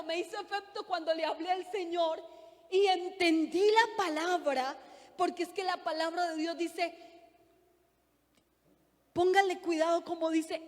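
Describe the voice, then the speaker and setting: A woman's voice: very high voice, in a large hall. A middle-aged woman preaching a sermon, earnest, putting questions to the congregation. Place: church.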